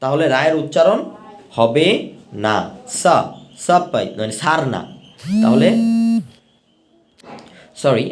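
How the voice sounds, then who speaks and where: A man teaching an English pronunciation lesson, patiently repeating each rule step by step for his learners. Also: a little high. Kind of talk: explanatory lesson.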